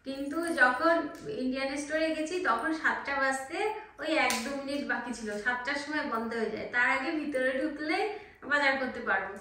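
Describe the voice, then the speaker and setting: A homemaker vlogger from India talks casually to her audience from inside her family home, her speech full of hesitant fillers. Her voice sits high and sounds sharp, a little fast. The phone is far from her in an echoey room, with a little hiss or hum.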